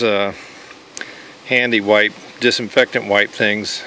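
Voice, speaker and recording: A man gives a casual walkthrough of his homemade fishing kayak, talking into a handheld camera outdoors. His delivery is level and unhurried, with little rise and fall, and he often stops with an "uh". Faint outdoor noise sits under the voice. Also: on the low side. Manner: relaxed, plain-spoken, with frequent "uh" pauses. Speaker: kayak angler showing his gear. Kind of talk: casual show-and-tell walkthrough. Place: outdoors on a paved driveway.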